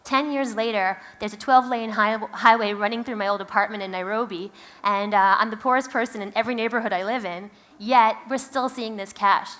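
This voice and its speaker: A woman's voice: mid-range voice, steady tone, a little fast, fairly bright tone. A woman with a Queens, New York accent giving a conference keynote in an emphatic, conversational, wry manner. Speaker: company founder, keynote speaker.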